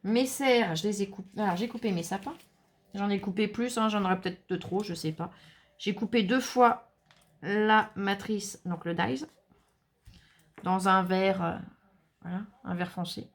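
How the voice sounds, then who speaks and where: A woman's voice: mid-range voice, a little slow. A woman hosting a casual crafting tutorial, chatting to viewers with many fillers and asides while she works. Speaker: craft channel host.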